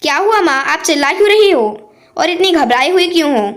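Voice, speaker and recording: A woman's voice: very high-pitched, lively intonation, brisk. A woman voicing a young adult son who talks with worried urgency in a storybook tale.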